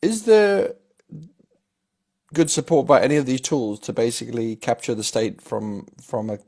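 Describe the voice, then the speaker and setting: A man's voice: medium pitch, moderate pace, mellow, slightly rough. A man hosting a casual technical discussion, thinking aloud with restarts and some teasing.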